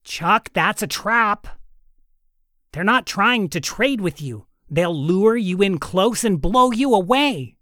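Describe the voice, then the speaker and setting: A man's voice: high-pitched, lively intonation, takes it slowly, sharp tone, no echo, studio quality, voice pushed up, exaggerated voice. A man voicing a determined woman starship leader in a storybook, speaking urgently and insistently.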